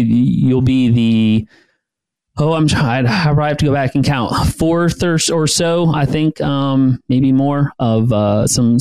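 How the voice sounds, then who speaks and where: A man's voice: mid-range voice, a little mellow, clean tone, no echo, low-quality recording. A man hosting an interview podcast, rambling and friendly as he thinks aloud. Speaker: podcast host.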